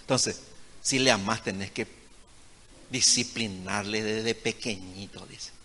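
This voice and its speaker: A man preaching a sermon as a pastor, swinging between hushed asides and loud, emphatic points. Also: fairly low pitch, fairly even intonation, slow. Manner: retells conversations as acted dialogue. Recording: long reverb of a large hall.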